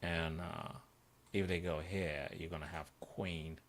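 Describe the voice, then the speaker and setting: Deep-voiced man thinking aloud over chess puzzles. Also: slow. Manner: thinks aloud, excitable exclamations, repeats himself. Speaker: chess coach. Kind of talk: live-streamed puzzle solving.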